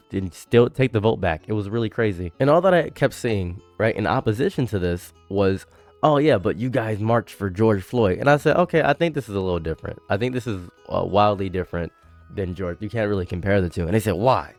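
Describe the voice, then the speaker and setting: A young Egyptian-born man, who moved to America at eight, streams and makes commentary videos with casual, emphatic political takes. His voice is lowish and a little mellow, and he sometimes reads aloud and repeats phrases for emphasis.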